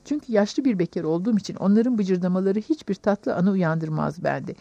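A woman reading the part of a sarcastic, brusque middle-aged gentleman in an audiobook, with a deep, mocking voice, on a dull recording. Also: normal speed, creaky, no echo.

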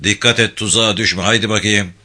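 A man's voice: on the low side, fairly even intonation, fairly quick, bright, forceful tone. Man voicing an eager young army lieutenant. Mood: commanding. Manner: eager, commanding.

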